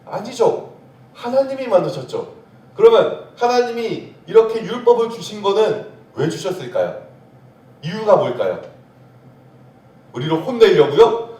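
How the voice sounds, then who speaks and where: A man's voice: high-pitched, big pitch swings, measured pace, long pauses, dark tone, highs cut off. A man preaching a sermon as pastor. He keeps asking the congregation questions and then answers them himself. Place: church sanctuary. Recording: echoey church from far off.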